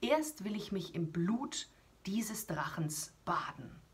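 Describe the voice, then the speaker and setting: A woman voicing a bold, fearless young hero in a storybook reading, with a very breathy voice. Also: mid-range voice, very animated, slow, exaggerated voice.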